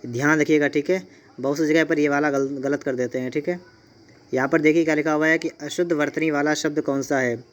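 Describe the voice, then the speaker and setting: A male Hindi teacher from India, giving an exam-prep lesson. He spells words out slowly and keeps checking in with his students. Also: on the high side, fairly even intonation. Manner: repeats "theek hai" and "dekhiyega", spells words out slowly.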